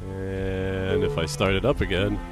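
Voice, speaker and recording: Male game master, deeper voice, casual tabletop narration over faint background music. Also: monotone, unhurried. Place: indoors at a game table on an online call.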